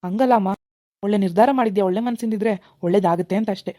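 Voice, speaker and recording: A woman voicing a calm, moralizing middle-aged father in a cartoon, with a gentle, resigned manner. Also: medium pitch, very fast, dry recording, studio quality, natural voice. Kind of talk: cartoon voice acting.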